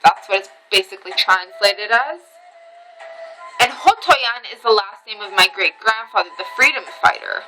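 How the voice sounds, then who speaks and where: Slightly tipsy from red wine, this vlogger rambles to camera in a dim room at home, her thoughts drifting emotionally and full of ums. Her medium-pitched voice is expressive, bright and forceful at a moderate pace, with faint music behind and poor audio. She is an Armenian heritage speaker and reads Western Armenian.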